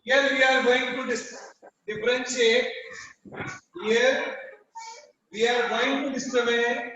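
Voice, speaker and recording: A male school teacher with an Indian accent dictating a lesson to children, slowly and repetitively, in a classroom. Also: extremely high pitch, level tone, bright, forceful tone, muffled recording, a little hiss or hum. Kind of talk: classroom lesson, mixing Hindi and English. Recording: echoey classroom, far from mic.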